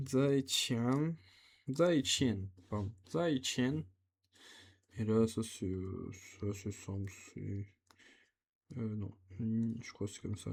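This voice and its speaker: Slow, creaky young man thinking aloud. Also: on the low side, dark tone. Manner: hesitant, thinking aloud while writing. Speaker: language learner vlogger. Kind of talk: casual learning vlog. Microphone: camera set on the desk.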